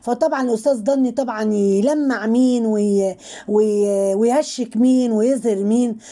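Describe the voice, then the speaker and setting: A woman's voice: fairly high pitch, moderate pace, mellow. A woman with an Egyptian accent hosting her channel, giving chatty, mocking gossip commentary and leaning on the same filler words again and again. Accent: Egyptian Arabic. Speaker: channel host commenting on online personalities.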